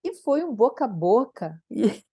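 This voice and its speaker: A woman speech therapist from Brazil telling stories from her career in an interview, lively and expressive. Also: unhurried, slightly rough, dry recording, clean studio sound. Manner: animated, acts out quoted dialogue with big pitch jumps. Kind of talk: conversational interview storytelling.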